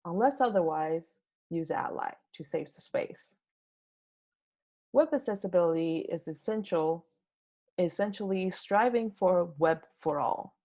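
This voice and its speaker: A woman from Taiwan giving a prepared tech talk as a conference speaker, explaining things in a measured way. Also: fairly low pitch, lively intonation, warm tone. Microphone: home recording for online talk.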